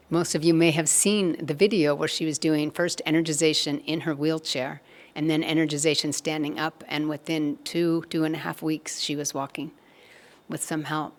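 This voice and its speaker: A woman giving a spiritual satsang talk, telling a story in a gentle, measured way. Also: deep voice, little pitch movement. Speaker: satsang speaker.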